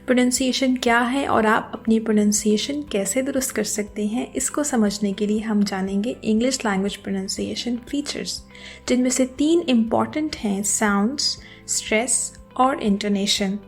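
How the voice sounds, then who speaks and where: Higher-voiced woman teaching pronunciation. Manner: clear, careful demonstration of word sounds. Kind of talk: scripted lesson narration. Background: soft background music.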